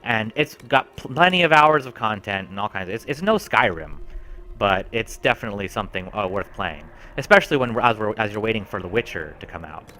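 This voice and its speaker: A man's voice: fairly low pitch, expressive, fairly quick, bright, forceful tone. A man giving casual, enthusiastic gameplay commentary as a game reviewer. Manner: chatty and enthusiastic.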